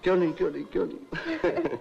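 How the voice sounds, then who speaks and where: A man's voice: a little high, big pitch swings, slow, fairly bright tone, muffled recording, soft background music, exaggerated voice. An actor playing a playful, lonely elderly rich man who teases and laughs in a 1970s Hindi film. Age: older. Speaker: wealthy mill owner. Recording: old film soundtrack with long reverb.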